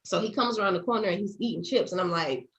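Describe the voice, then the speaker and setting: A woman in her thirties, a podcast co-host, telling a heartfelt personal story in casual chat, animated and quick to laugh. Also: mid-range voice, reverberant. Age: 30s. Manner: animated, quotes herself and her son, laughs often.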